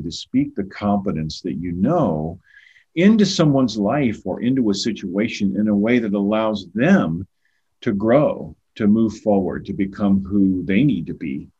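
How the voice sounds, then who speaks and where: An older man with a lowish, husky, loud voice talks earnestly as a guest on a conversational podcast. He often repeats words when starting a thought. The sound is dull and lo-fi.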